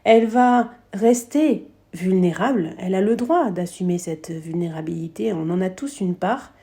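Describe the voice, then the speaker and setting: Gravelly-voiced French woman coaching. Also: fairly low pitch, normal speed. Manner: lively, emphatic, acts out short quoted examples. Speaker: business coach. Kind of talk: explanatory business lesson.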